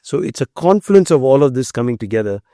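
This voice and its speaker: In a clean studio recording with no echo, a middle-aged Indian man who speaks Tamil discusses his biotech company, where he is CEO, as an interview guest. His mid-range voice is mellow and sing-song, quick, earnest and emphatic in a conversational setting.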